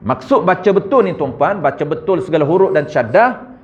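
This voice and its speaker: A man with a Malaysian Malay accent teaching correct Quran recitation, chanting verses slowly and correcting pronunciation. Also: a little high, animated. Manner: addresses audience as tuan-tuan, frequent "ha". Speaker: religious teacher. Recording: muffled lo-fi recording.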